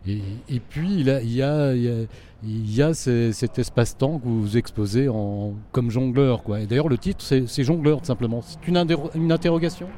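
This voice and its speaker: Hesitant male interviewer, mellow voice. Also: medium pitch, moderate pace, slight background noise. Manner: hesitant, many fillers. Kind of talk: interview questions.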